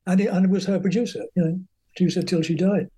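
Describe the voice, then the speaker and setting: Fast and steady in tone, this older man from England has a high-sitting, dark, husky voice. As a guest musician in an interview, he spins rambling, chatty stories about his career and acts out the voices he quotes.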